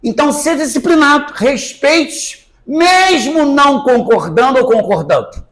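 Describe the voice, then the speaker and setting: Animated Brazilian man preaching. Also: very high-pitched, unhurried. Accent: Brazilian Portuguese. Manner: animated storytelling, acting out dialogue. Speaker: spiritist lecturer. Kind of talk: spiritist talk. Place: spiritist center hall.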